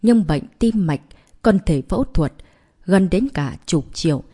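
Low, mellow woman audiobook narrator. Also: measured pace, husky. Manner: steady storytelling reading.

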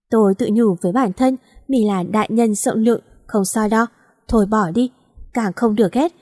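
A woman narrating a first-person romance story as an audiobook, in an even storytelling read. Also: medium pitch, no echo, studio quality.

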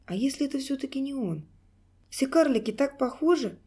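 A woman's voice: high voice, animated, brisk, mellow, pitched above the performer's own voice. A woman reading an audiobook, voicing an earnest, anxious young girl who speaks urgently. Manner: urgent, pleading.

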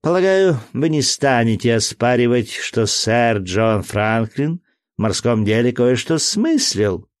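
A man reading aloud, voicing a fussy, excitable male entomologist who lectures with pedantic indignation. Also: mid-range voice, a little slow, smooth, natural voice. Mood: fussy, lecturing. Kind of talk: audiobook character voice.

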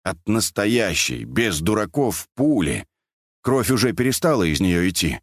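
A man narrating a story in an expressive, vivid audiobook reading. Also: lowish voice, a little slow, no echo, clean studio sound.

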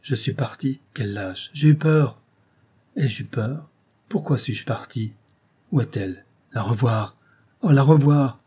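A man's voice: medium pitch, slow, warm tone, slightly rough. A man voicing a young Afghan lover in a despairing, feverish inner monologue from a storybook. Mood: anguished. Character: young Afghan lover, anguished and self-abasing.

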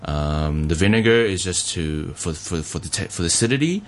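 A man from Taiwan, a chef, answering radio interview questions in a relaxed, hesitant way with many fillers. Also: low voice, fairly quick, slight background noise.

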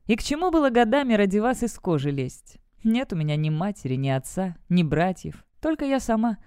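Woman doing an angry young witch, bitter, defiant, smooth warm voice. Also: medium pitch, big pitch swings, brisk, dry recording, clean studio sound, natural voice. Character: furious young woman, a dark witch, sharp-tongued. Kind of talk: audiobook character voice.

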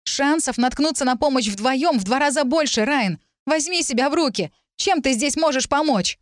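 A woman's voice: sits high, animated, normal speed, no echo, studio quality, voice pushed up. A woman voicing a frantic young heroine. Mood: commanding, frantic. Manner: pleading, tearful. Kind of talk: audiobook dialogue.

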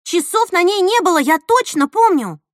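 An indignant teenage girl, as a woman puts her on rattles on in a high, rushed, whiny voice. Her pitch leaps around, and the sound is dry and close. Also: lively intonation, dry recording. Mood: agitated.

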